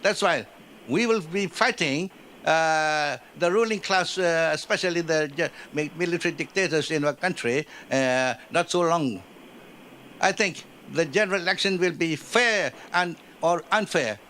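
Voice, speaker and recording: Halting man making a statement. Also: fairly high pitch, pushed and bright, slight background noise, low-quality recording. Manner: halting, repetitive, with frequent fillers. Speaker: audience member giving a statement. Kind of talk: impassioned public comment. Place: conference room.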